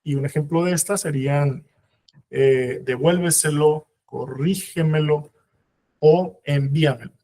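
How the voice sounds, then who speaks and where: Man, Mexican Spanish accent, legal writing lecture, halting with fillers, slightly high voice. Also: fairly even intonation, dark tone. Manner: halting, many fillers and restarts. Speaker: instructor. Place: training course room.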